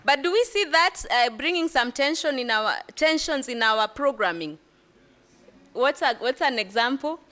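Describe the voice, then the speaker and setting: A woman's voice: high-pitched, expressive, normal speed, pushed and bright. A woman leading a workshop discussion, asking the room questions and laughing often. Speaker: workshop facilitator. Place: conference room.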